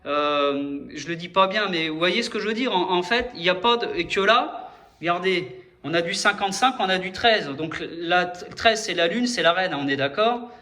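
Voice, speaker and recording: Man, high-pitched, hesitant, restarts often, talks straight to viewers, explains while writing. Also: moderate pace, pushed and bright. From France. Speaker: video host explaining number codes. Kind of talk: rambling explanatory monologue.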